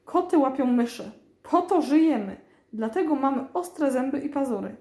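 Brief: schoolmarmish Siamese she-cat, read by a woman, mellow, storybook. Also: sits high, lively intonation, normal speed, reverberant, pitched above the performer's own voice. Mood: prim. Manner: lecturing, prim.

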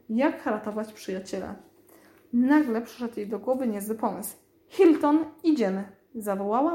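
Woman, children's audiobook narration, mellow higher voice, roomy echo. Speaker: audiobook reader. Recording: roomy, echoey recording.

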